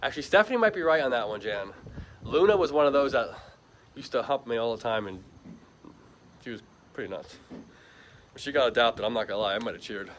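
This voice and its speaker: Animated and brisk with long pauses, a man with a slightly bright voice hosts a casual charity stream at an outdoor animal shelter. He reads out and replies to viewer comments and uses a high, soothing baby voice with the dogs; the rough recording includes wind and barking.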